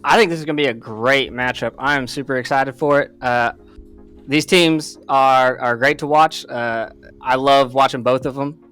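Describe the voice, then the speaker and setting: A man's voice: medium pitch, fairly even intonation, normal speed, fairly bright tone, clean tone, soft background music. A man co-casting an esports match, hesitant with many fillers and putting on a joking drawl. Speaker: esports co-caster. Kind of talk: casual esports commentary.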